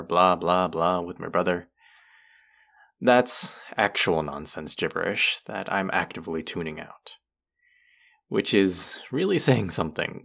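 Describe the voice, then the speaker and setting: This low, creaky male voice has a fairly bright tone and is heavily acted. He plays a condescending, teasing young twin brother in a scripted audio roleplay, drawling mockingly straight at the listener.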